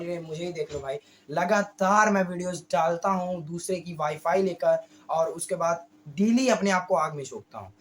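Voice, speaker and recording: A male YouTube creator with a hoarse voice, giving a casual motivational monologue slowly, often stumbling and correcting himself. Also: high voice, slight background noise. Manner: talks slowly on purpose, with frequent slips and self-corrections.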